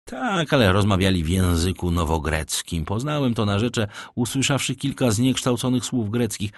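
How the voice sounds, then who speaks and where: A witty, self-admiring young Frenchman holds forth in a storybook reading, voiced by a man. His lines swing widely in pitch over a low, dry voice. He sounds boastful and theatrical. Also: lively intonation, normal speed, no room sound, close to an everyday voice. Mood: animated.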